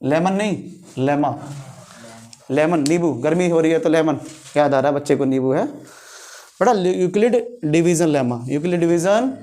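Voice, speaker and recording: Hindi-accent guy teaching math class, high voice, keeps asking the kids questions. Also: brisk, mellow. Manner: quizzing students with repeated questions. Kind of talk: classroom lecture.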